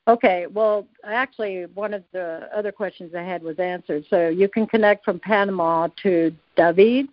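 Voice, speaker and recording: A woman's voice: mid-range voice, moderate pace, hardly any pauses, no echo. Woman caller on a muffled phone line. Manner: hesitant, repeats words. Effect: caller heard over a phone line. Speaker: radio show caller. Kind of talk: casual phone-in questions. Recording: dull lo-fi phone line, dry.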